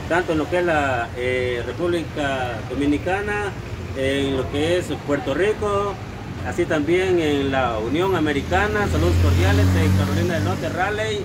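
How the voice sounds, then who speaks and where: A middle-aged man with a Salvadoran accent hosting his YouTube channel outdoors in front of a restaurant, formal and full of greetings, with frequent "eh" pauses. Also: fairly high pitch. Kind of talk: on-the-street vlog presentation. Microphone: lapel mic. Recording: outdoor street noise, mic somewhat distant. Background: traffic and street noise.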